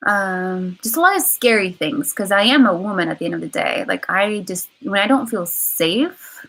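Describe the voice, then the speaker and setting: A woman's voice: medium pitch, lively intonation, moderate pace, a bit bright, rough recording. A woman vlogger talking candidly on a live stream, rambling and repeating herself with many fillers. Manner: candid and emotional. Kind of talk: casual live-stream monologue.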